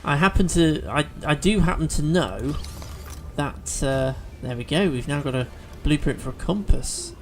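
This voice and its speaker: Gravelly man narrating gameplay. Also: a little high, lively intonation, a little slow, a little hiss or hum. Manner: chatty, thinking aloud with fillers and restarts. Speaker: let's play host. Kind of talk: gameplay commentary.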